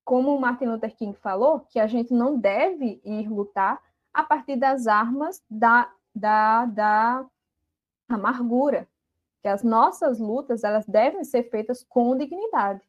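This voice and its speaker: Brief: woman, fairly high voice, earnest explainer, lo-fi muffled sound. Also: unhurried. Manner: earnest, explanatory, many fillers like "né". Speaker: podcast guest. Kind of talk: explaining in a live podcast chat.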